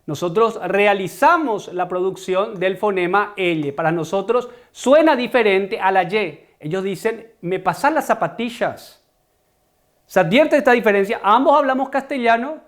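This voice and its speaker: Paraguayan guy teaching an online class, pretty high voice, keeps stressing the key words and talking to the students. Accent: Paraguayan Spanish. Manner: explanatory, stresses key terms, addresses students directly. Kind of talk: online school lesson.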